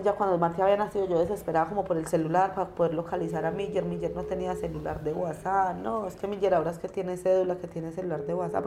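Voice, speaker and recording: Low, mellow-voiced woman. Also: a little hiss or hum. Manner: conversational, repetitive storytelling. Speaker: interviewee. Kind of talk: personal testimony.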